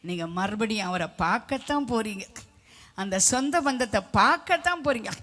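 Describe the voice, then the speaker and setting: Middle-aged woman preacher, impassioned testimony, bright forceful tone, pitched a little high. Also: lively intonation, normal speed. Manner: fervent, swelling to loud emphatic declarations; breaks into sung hymn lines.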